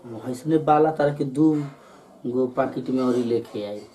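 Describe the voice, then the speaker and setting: A man's voice: medium pitch, a little slow, warm tone, far from the mic. Coaxing young man, Bhojpuri accent. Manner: coaxing, pleading tone. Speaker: husband leaving for work. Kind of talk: village comedy sketch dialogue.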